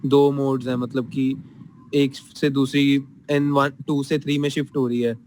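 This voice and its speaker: A man speaking as a student in class, asking hesitant, halting questions of his teacher. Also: medium pitch, little pitch movement, a little mellow, slight background noise.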